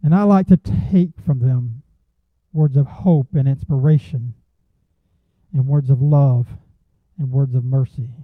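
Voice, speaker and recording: A man's voice: mid-range voice, unhurried, dry recording. Male preacher, earnest sermon delivery building to emphatic peaks; dry, close sound. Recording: tinny phone-like sound, dry.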